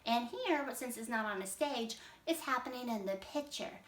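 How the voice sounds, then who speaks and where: Patient kindergarten teacher in an echoey room. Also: female voice, on the high side, lively intonation, moderate pace, fairly bright tone. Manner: patient, explaining step by step. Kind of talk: read-aloud lesson for young children. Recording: echoey room, mic at a distance.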